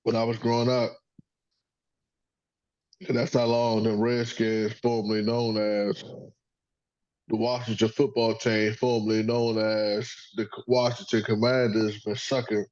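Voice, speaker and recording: A man's voice: lowish voice, level tone, a little slow, long pauses, a little mellow, no room sound, dull audio. A man hosting a casual sports podcast, rambling and profane, joking with his son over a call. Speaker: podcast host.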